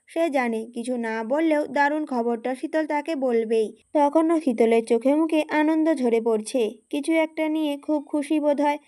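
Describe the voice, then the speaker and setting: A woman storyteller giving a steady, expressive scripted narration of a romance story. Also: high-pitched.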